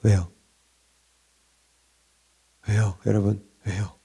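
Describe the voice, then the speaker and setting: A male pastor preaching a sermon with emphasis, firing rhetorical questions and swinging between loud urgency and hushed intimacy. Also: on the low side, level tone, drawn-out words, vocal fry, husky.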